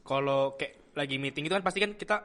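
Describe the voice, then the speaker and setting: A man's voice: a little high, fast talker, sharp tone. A young man, a university student, chatting casually as a guest and politely calling the host "Kak". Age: young adult. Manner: chatty, many fillers, calls the host "Kak". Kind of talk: casual chat.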